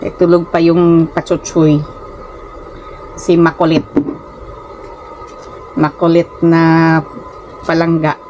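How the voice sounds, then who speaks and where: Isang babaeng vlogger na lumaki sa Pilipinas at may puntong Pilipino, kaswal na nakikipagkuwentuhan sa mga manonood sa kanyang maliit na kuwarto, at paminsan-minsang nabubulol. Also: female voice, low-pitched, monotone, takes it slowly, pauses often, dull audio, noisy background. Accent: Filipino. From Philippines. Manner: chatty, often addresses viewers as guys, stumbles over words. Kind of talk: casual chat to viewers. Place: small rented room at home.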